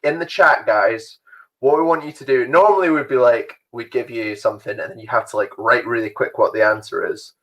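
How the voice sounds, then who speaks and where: A man's voice: medium pitch, brisk, a bit bright, rough recording. A young man hosting an online youth quiz from home, chatty and rambling, laughing often. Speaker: youth group host.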